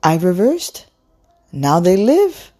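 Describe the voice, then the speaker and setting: A woman reading aloud and voicing a calm teenage boy, dazed and matter-of-fact. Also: fairly low pitch, slow, breathy edge, voice pushed up, full character voice.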